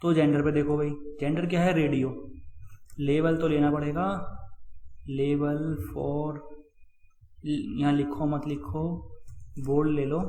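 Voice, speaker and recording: Man, coding tutor, casual and repetitive, slightly high voice, roomy echo. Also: mellow, slight background noise. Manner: chatty, addresses viewers as guys and brother, repeats himself. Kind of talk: screen-recorded coding lesson.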